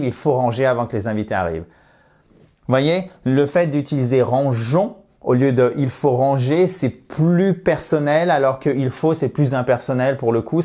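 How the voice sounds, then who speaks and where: A man giving a video English lesson in French as the teacher, repeating English phrases slowly and clearly and checking in with the viewer. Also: medium pitch, darkish tone. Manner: explains in French, then models English phrases slowly and emphatically; checks in often with short questions to the viewer.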